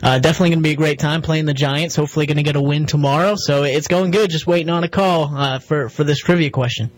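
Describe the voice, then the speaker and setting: A man in casual sports radio chat as co-host. His voice sits slightly high with no room echo at all. He speaks haltingly and doubles back on words. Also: steady tone.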